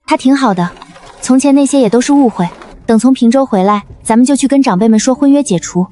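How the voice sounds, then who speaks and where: An actress playing a firm, sharp-tongued young noblewoman in a costume romance drama, talking briskly and scolding. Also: high voice, natural voice. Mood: calm.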